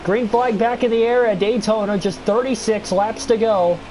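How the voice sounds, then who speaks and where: A young man streams sim racing commentary, calling the action and talking to viewers despite a stuffy nose and a voice growing worn. He speaks at normal speed in a high, steady voice with a dark tone, on a rough recording with slight background noise.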